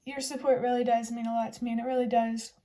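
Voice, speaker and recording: A young woman chats through a tarot reading in a gentle, reassuring manner. Her voice sits a little high but sounds mellow and dark-toned. She speaks in an even, level way. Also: fast talker. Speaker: tarot reader. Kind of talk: casual tarot reading to camera.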